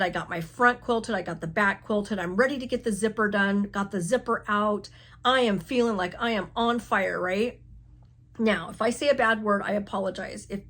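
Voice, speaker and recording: Chatty, self-mocking woman crafter. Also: medium pitch. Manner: animated, self-mocking, laughs often. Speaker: crafting channel host. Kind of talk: casual chatty vlog. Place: home craft room.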